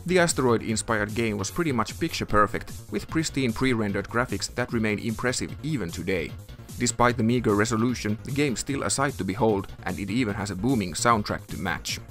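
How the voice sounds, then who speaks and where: A man's voice: on the low side, fairly bright tone. A man reading scripted documentary narration as a video narrator. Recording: music under the voice. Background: background music.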